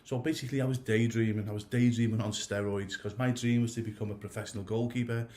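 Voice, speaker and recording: A man in his thirties or older, with a mellow voice on the low side, a steady tone and a fast pace, gives goalkeepers a casual coaching talk. He rambles, restarts often and drifts into tangents and asides, and a cold has left his nose stuffy.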